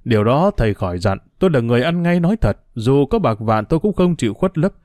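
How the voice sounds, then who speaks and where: A humble, anxious older boatman , as a male reader puts him on, deferential and quick to cry out in worry. The voice is warm and mellow and sits close and dry. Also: medium pitch, big pitch swings, no echo, lightly acted. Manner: deferential, fretful exclamations.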